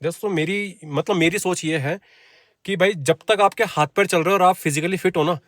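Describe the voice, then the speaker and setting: A man vlogging a mountain drive, talking excitedly and chattily to his viewers, a little short of breath from the altitude. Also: high-pitched, a little fast, no room sound. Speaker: travel vlogger. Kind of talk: travel vlog narration while driving. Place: inside a car on a mountain road.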